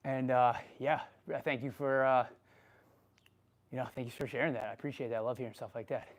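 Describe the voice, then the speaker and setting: A man with a mid-range, steady voice talks briskly as he answers live chat questions during a home workout. He's out of breath, casual, swearing freely and laughing often.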